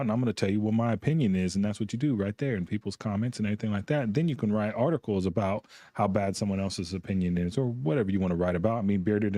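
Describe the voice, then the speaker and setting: A middle-aged man with a lowish, dry-sounding voice talks to his live stream chat from a home gaming room. He sounds worn out after a long week and rambles along easily, chuckling as he goes. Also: warm tone, no echo. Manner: rambling, easygoing, chuckling between thoughts. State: tired, yawning.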